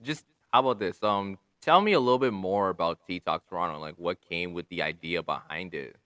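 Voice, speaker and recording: A man hosting a casual podcast chat, asking his guest questions in a relaxed, encouraging way. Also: deep voice, brisk, clear, resonant tone, no echo, clean studio sound. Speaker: podcast host.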